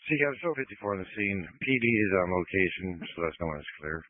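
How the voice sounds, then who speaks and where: A man's voice: low voice, expressive, fast talker, no echo. A man on an ambulance crew giving terse, clipped procedural reports over a two-way radio. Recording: narrowband mobile two-way radio.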